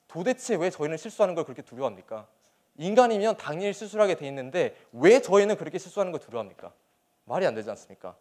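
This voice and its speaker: A man's voice: a little high, darkish tone. A young man, a soldier, giving a motivational speech to an audience in an earnest, emphatic manner with rhetorical questions. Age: young adult.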